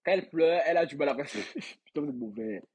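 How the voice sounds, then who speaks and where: A man's voice: a little high, animated, fast talker, darkish tone, husky. A man hosting a casual gossip live stream, reading out viewer comments. He rambles, repeats words and laughs often as he talks straight to his viewers. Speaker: livestream gossip host.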